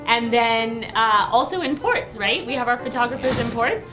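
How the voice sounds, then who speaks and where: A bubbly, enthusiastic woman hosts a cheerful morning show aboard a cruise ship. Her voice sits a little high, and clear music plays underneath her. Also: expressive, normal speed, pushed and bright, low-quality recording. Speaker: show host. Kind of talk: upbeat morning show hosting.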